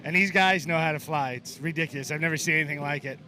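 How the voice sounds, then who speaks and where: A man's voice: a little high, quick pace, bright, forceful tone. A man giving a casual, upbeat trackside walkaround at an outdoor drift event, chatting to the viewers. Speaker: event reporter for a wheel brand. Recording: noisy outdoor race track. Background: car engines and track noise.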